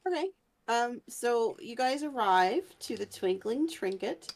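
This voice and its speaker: A woman's voice: a little high, animated, unhurried, darkish tone. Giggly woman running a tabletop game. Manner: giggly, trips over made-up names. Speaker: game master. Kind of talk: narrating a tabletop game over voice chat.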